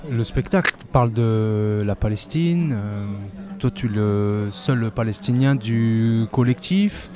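Slow-speaking male interviewer. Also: lowish voice, music in the background. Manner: searching, fills pauses with "euh". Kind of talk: interview questions.

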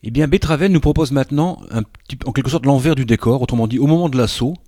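A man's voice: medium pitch, fast, mellow, no echo, clean studio sound. A man presenting and introducing the next part of a reading. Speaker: radio presenter.

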